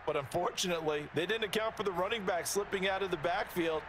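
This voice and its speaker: A man's voice: high-pitched, fast talker, noisy background, natural voice. A man voicing a folksy American color analyst in a football video game, explaining plays in colloquial sports commentary. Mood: explanatory, approving.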